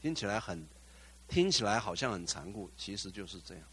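A man's voice: on the low side, big pitch swings, brisk, a bit bright, slightly rough. A male pastor preaching a sermon, putting questions to the congregation, slipping in English phrases and rising to fervent exclamations.

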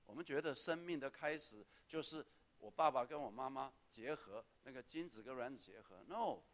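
A male pastor delivers a lively sermon. He keeps calling on the congregation to answer him and slips English words into his speech. His voice sits at an ordinary pitch. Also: normal speed.

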